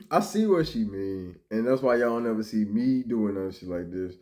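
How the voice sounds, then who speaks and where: This man does reaction commentary on clips in a casual, profane way, swinging between low mutters and loud outbursts. He's expressive but keeps a measured pace.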